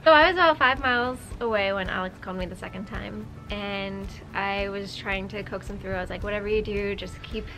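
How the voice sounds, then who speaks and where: A young woman casually telling a homestead story in a lively, teasing way, laughing now and then. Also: medium pitch, a little fast, few pauses, music in the background. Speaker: homestead vlogger.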